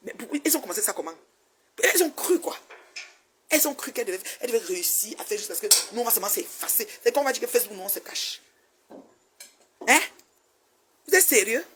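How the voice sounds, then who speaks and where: A woman's voice: mid-range voice, racing, slight background noise. A woman in her fifties giving a casual, scolding rant, often repeating herself. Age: 50s. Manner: animated, repetitive, scolding. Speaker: online commentator. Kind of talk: casual ranting commentary.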